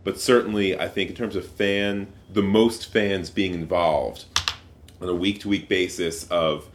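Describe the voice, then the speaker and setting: A man co-hosting a podcast, talking in a thoughtful, halting way with frequent fillers and restarts. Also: low voice, fairly even intonation, noisy background. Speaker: podcast co-host. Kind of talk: casual podcast discussion.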